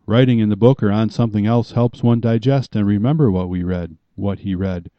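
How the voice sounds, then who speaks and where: Deliberate and pastoral, a man with a deep voice gives a sermon full of firm, emphatic commands. The audio is dry and a bit muffled, with no echo at all.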